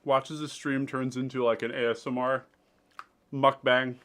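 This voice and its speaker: Male streamer, casual chat, eats while talking, mid-pitched voice. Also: flat delivery, moderate pace, a bit bright. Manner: chatty, eating while talking, reads out chat. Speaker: streamer host.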